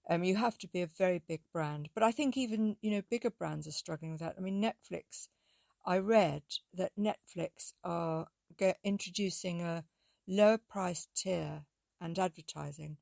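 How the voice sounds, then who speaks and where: A woman's voice: lowish voice, moderate pace, gravelly, a little mellow, dry recording, clean studio sound. A middle-aged woman hosting a casual solo podcast, rambling with fillers and restarts, her voice getting tired. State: losing her voice. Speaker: podcast host and music teacher.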